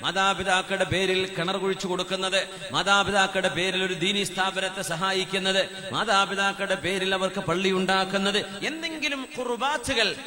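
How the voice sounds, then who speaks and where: A man's voice: high-pitched, steady tone, normal speed, bright, forceful tone. A man preaching a sermon, chanting Arabic quotations in a sung tone. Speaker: Islamic preacher. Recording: long reverb, crowd heard behind.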